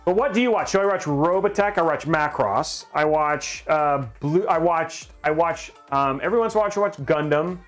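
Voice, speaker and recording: A man's voice: on the high side, moderate pace, hardly any pauses, soft background music. A middle-aged man hosting a live stream, chatting casually and rambling, often restarting his sentences as he reads viewer questions. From grew up in Japan. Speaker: livestream host.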